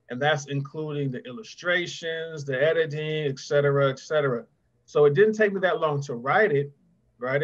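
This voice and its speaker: This middle-aged man, visiting as a guest author on a video call, has a fairly high, fairly bright voice. He keeps things conversational, encouraging the children through questions and answers and calling them by name. The audio sounds muffled and dull.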